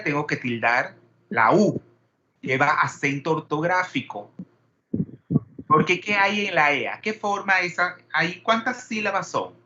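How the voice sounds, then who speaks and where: Questioning chemistry teacher. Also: male voice, fairly high pitch, sharp tone, highs cut off, a little hiss or hum. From Panama. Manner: questioning, digressive. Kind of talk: classroom lecture.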